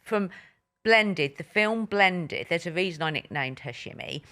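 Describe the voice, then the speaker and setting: A middle-aged woman co-hosting a podcast with her daughter, reacting with animated interjections. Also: on the low side, a little slow. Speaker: podcast co-host, mother of the other host. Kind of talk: casual chat.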